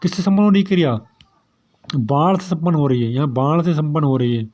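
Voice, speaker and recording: A man's voice: a little high, a little fast, darkish tone. A man teaching a grammar lesson for exam preparation, who keeps asking questions and answering them himself. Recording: dull lo-fi sound.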